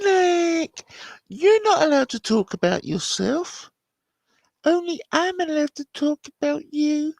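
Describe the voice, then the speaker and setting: A man putting on a shrill, teasing, bossy character voice that giggles in a singsong way. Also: a little mellow, no room sound, exaggerated voice. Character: squeaky taunting bossy man.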